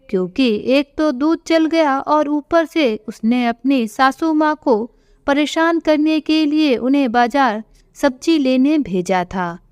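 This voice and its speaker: High-voiced woman narrating slowly. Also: no echo, studio quality. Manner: slow, measured reading. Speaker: storyteller. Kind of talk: scripted story narration.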